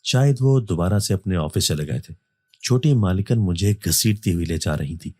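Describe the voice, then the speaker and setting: Deep-voiced man narrating a horror story. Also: animated, a little mellow, no echo, clean studio sound.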